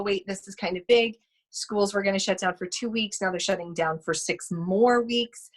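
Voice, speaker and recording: A woman life coach in a casual chat, talking in a practical, calming way and running through lists of everyday questions. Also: mid-range voice.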